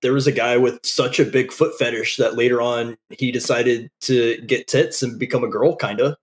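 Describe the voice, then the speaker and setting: A man co-hosting a podcast in casual chat, easygoing and quick to laugh. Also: mid-range voice, steady tone. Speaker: podcast co-host.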